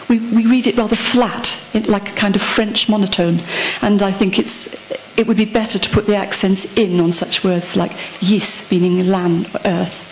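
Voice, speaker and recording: A woman's voice: medium pitch, a little hiss or hum, rough recording. Scholarly woman giving a conference paper. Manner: scholarly, precise, reads a prepared paper then speaks off the cuff with fillers. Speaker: conference speaker. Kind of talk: academic conference talk. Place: conference hall.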